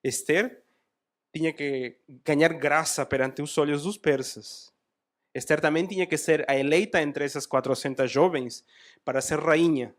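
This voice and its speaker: A man preaching a sermon in a church, retelling a Bible story with animated asides. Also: fairly high pitch, measured pace.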